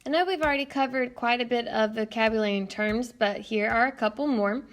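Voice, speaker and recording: A woman teacher narrating a recorded lesson in a patient, explanatory way, often pausing with "um". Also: a little high. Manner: patient, explanatory, frequent "um" fillers. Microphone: tablet screencast mic.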